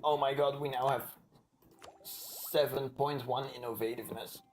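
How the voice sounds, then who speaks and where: A man's voice: medium pitch, steady tone, normal speed, darkish tone, soft background music. Lisping man saying th as f. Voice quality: lisp, says th as f. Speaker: player reading game events aloud to chat. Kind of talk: casual gaming commentary with friends.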